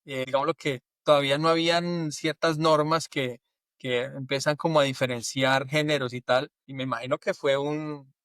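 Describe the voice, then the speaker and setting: A man speaks in a casual, halting way, repeating his words as he works out his thoughts. His voice sits at a middle pitch. The sound is dry and close to the mic. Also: fairly even intonation, a bit bright, no room sound. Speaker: army major, co-host. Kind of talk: casual interview talk.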